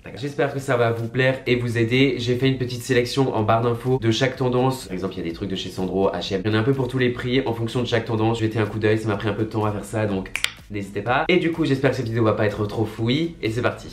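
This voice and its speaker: A man's voice: medium pitch, fast, a little hiss or hum. A man in his twenties with a cold, chatting casually and ramblingly to camera as a fashion vlogger. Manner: rambling, self-interrupting, slangy. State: has a cold, says he is ill. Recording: roomy indoor echo.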